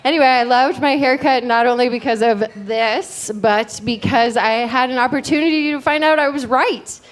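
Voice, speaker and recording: Middle-aged female comedian, fairly high-pitched, chatty and digressive, speaking directly to her crowd. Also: moderate pace. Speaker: stand-up comedian. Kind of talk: stand-up comedy.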